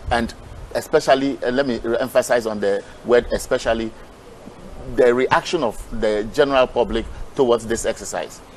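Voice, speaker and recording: A man's voice: mid-range voice, a little hiss or hum, low-quality recording. A man interviewing a guest, asking long, wordy questions with restarts.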